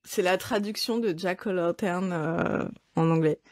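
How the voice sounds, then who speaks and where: A woman's voice: on the low side, unhurried, darkish tone, no room sound, clean studio sound. A woman hosting a quiz segment in a casual panel show, upbeat and leading the game. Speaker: host.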